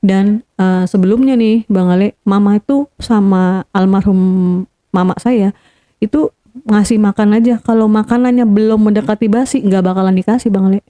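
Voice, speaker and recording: A woman's voice: medium pitch, steady tone, moderate pace, mellow. A woman guest telling a painful family story in earnest first-person detail, repeating key points for emphasis. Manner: earnest, re-enacts quoted dialogue, repeats for emphasis.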